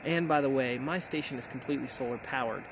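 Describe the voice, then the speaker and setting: In a fast, medium-pitched voice, a middle-aged American man gives a relaxed, upbeat summary while vlogging as an amateur radio operator. He's outdoors in hilly backcountry, and outdoor noise can be heard behind him.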